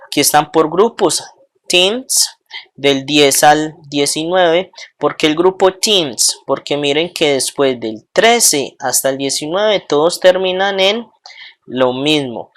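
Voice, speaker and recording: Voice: medium pitch, fairly bright tone. An English teacher giving a recorded bilingual pronunciation lesson, drilling words aloud and checking in with the class often.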